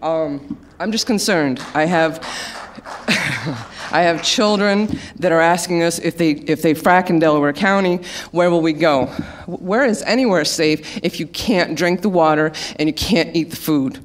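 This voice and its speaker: Emotional, halting woman testifying. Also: low-pitched, slight background noise. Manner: halting and nervous, with restarts and apologies. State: emotional, close to tears. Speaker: public commenter at a hearing. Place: public hearing room.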